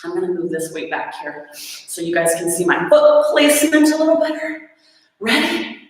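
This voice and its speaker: Leading a live exercise class, this woman coaches with upbeat energy, calls out rep counts, and pokes fun at her own effort. She speaks at a normal speed in a lowish, sing-song voice, and the space rings with long, echoey reverb.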